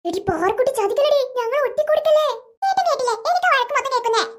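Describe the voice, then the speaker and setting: A woman's voice: extremely high pitch, sing-song, rapid-fire. A woman voicing a selfish, teasing cartoon big brother who grumbles and schemes. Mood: grumbling.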